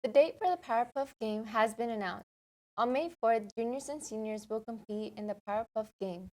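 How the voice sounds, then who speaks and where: A woman's voice: fairly high pitch, normal speed, darkish tone. A teenage girl anchoring a student news show, reading event announcements in an upbeat way with small slips.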